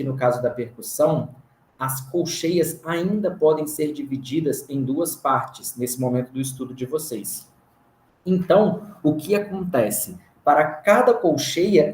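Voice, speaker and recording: A Brazilian man teaching a recorded music theory lesson, explaining slowly and patiently and counting beats aloud. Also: a little high, a little mellow. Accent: Brazilian Portuguese. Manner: counts beats aloud and chants rhythm syllables. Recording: roomy recording.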